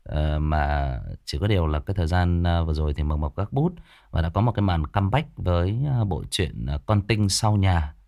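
A man's voice: deep voice, normal speed, a little mellow, dry recording. A man hosting a story stream, chatting casually with viewers and using many fillers. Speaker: storyteller host. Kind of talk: casual livestream intro.

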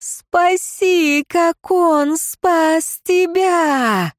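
A woman voicing a fervent middle-aged peasant mother with a shrill, wailing manner in a storybook reading. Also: sing-song, a little slow, darkish tone, dry recording, clean studio sound.

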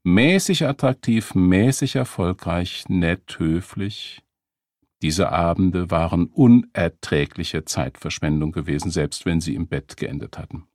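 A man reading a thriller audiobook as narrator, in an expressive, measured storytelling manner. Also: deep voice, no room sound, studio quality. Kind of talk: scripted narration.

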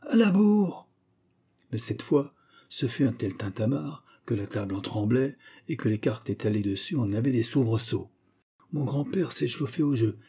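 A man reads a comic folk tale aloud in a mellow, husky voice. He narrates with care and bursts into raised, animated tones when the characters shout. The telling is lively and theatrical. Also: on the low side. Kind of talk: storybook reading with acted voices.

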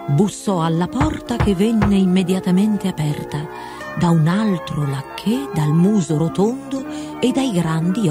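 A woman reading a fairy tale aloud with slow, expressive storybook narration. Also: on the low side.

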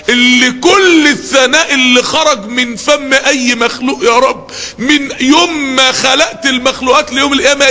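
Egyptian male preacher, high quick and sharp voice, passionate rhetorical sermon, reverberant hall. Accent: Egyptian Arabic. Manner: rhetorical questions, emphatic, passionate.

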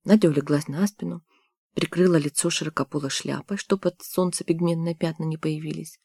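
An audiobook narrator reading a novel in a steady storytelling manner on a close studio mic. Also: mid-range voice, a little fast, gravelly, husky, dry recording. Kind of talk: scripted narration.

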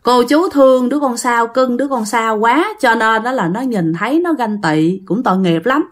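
A woman with a Southern Vietnamese accent voicing an old male shaman who speaks gently and coaxingly to a child spirit. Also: on the high side, animated, moderate pace. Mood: explaining.

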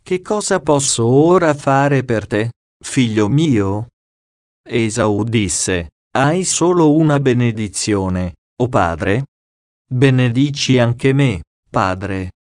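A man reading scripture aloud in a slow, solemn, measured way. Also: mid-range voice, lively intonation, darkish tone, dry recording, studio quality. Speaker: audiobook reader.

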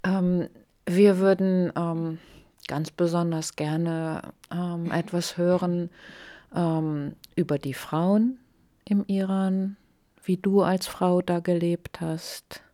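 A woman hosting a radio interview, asking questions in a calm, gentle way. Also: on the low side, slow pace, dry recording.

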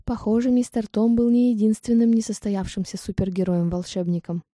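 Woman narrating a story in a mellow voice. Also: medium pitch, level tone, a little fast, no room sound, studio quality. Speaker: audiobook narrator. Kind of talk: first-person audiobook narration.

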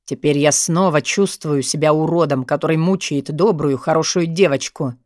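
A woman's voice: no echo, studio quality, natural voice. A woman doing a weary, brooding dominant man. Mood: weary, firm. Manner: low, measured, tired tone.

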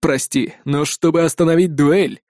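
A man's voice: fairly high pitch, steady tone, normal speed, a little mellow, dry recording, clean studio sound, close to an everyday voice. A man voicing a dramatic curly-haired young actor declaiming love and defiance in a staged melodrama in an audiobook. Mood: declamatory. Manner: overwrought, declamatory.

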